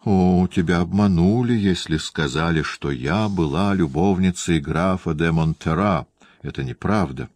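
A man voicing a proud noblewoman who answers quietly, curtly and with restraint. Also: low-pitched, unhurried, no echo. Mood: defensive. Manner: quiet, curt and controlled. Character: proud, guarded young noblewoman, cool and restrained.

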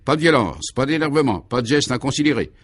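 A man voicing a dapper, fastidious police commissioner in his fifties in a vintage radio play, speaking in a clear, crisp, commanding way. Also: mid-range voice, expressive, a bit bright, pitched above the performer's own voice. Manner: crisp, commanding, fussily precise.

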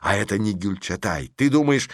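A man's voice: on the low side, animated, normal speed, dry recording, studio quality. A man voicing an eager schoolboy who keeps whispering spoilers during a film. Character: schoolboy Petrov, chatty know-it-all.

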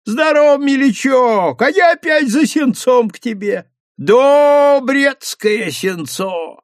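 Мужчина озвучивает деревенского бородатого мужика, который говорит по-простецки и громко. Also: male voice, very high-pitched, lively intonation, slow, no room sound, studio quality, voice pushed up, heavily acted. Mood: cheeky. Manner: folksy, loud greeting. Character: rustic bearded peasant man, cheeky.

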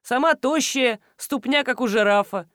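A woman reading an audiobook, voicing a hot-tempered middle-aged male farmer who talks loud, scolding and mocking. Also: sits high, moderate pace, dry recording, studio quality, pitched above the performer's own voice. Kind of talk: audiobook dialogue.

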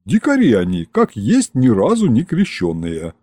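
A man's voice: mid-range voice, huge pitch swings, normal speed, mellow, no room sound, clean studio sound. A man reading an audiobook who voices a burly, deferential merchant speaking in old-fashioned, humble phrases. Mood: respectful. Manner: bowing, old-fashioned and respectful.

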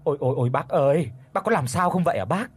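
A man voicing a two-faced young female cousin in an audio storybook, with a mocking, sneering manner and a husky tone. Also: fairly high pitch, animated, quick pace. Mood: fake concern.

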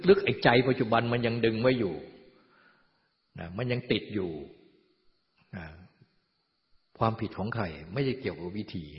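Male Buddhist teacher, calm and steady, lo-fi recording in a reverberant hall. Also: on the low side. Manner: calm, repeats a gentle "na" between points. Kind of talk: dharma talk. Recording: dull lo-fi sound, long hall reverb.

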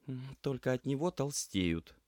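A grumpy, sulky young woman activist, as a male narrator puts her on. Pitch raised above his own, but flat in force and grumbling. Dry, close recording. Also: measured pace, no echo, close to an everyday voice.

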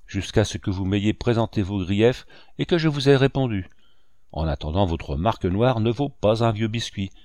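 A man voicing a cunning old pirate captain in an audiobook, calm and mocking in manner. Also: fairly low pitch, moderate pace, no room sound, lightly acted. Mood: sly. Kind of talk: audiobook reading.

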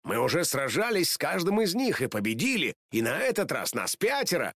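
A man reading a storybook aloud, voicing a cocky, teasing young male superhero cat in a lively, playful way. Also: fairly high pitch, a little fast, no room sound, clean studio sound, pitched above the performer's own voice, full character voice. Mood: upbeat. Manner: playful, mocking.

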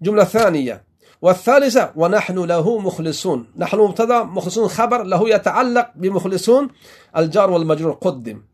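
High-voiced man teaching a classical text. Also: lively intonation. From Afghanistan. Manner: measured explanation with frequent restarts and soft acknowledgements. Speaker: teacher of Quranic exegesis and grammar. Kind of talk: classical Arabic lesson explaining a text.

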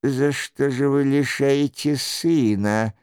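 A man's voice: mid-range voice, slow pace, darkish tone, clear, resonant tone, no room sound, clean studio sound, natural voice. A man voicing a sulky, evasive young royal duke who talks in a petulant way.

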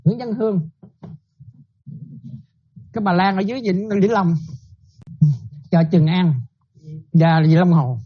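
A woman's voice: lowish voice, unhurried, pauses often, slightly rough, highs cut off. A Buddhist nun giving a dharma talk, often checking that her listeners follow and repeating her points.

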